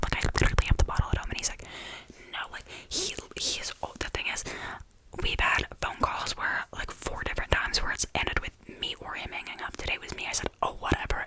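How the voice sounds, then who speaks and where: A woman venting in a casual ASMR whisper, exasperated and sardonic, rambling and repeating her phrases. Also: poor audio. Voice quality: whispery, breathy with creaky edges. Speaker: ASMR creator.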